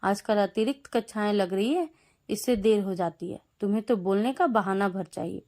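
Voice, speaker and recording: A woman's voice: medium pitch, normal speed, a little mellow, lightly acted. A woman voicing an outspoken young college daughter in a told story, snapping back irritably. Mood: irritated.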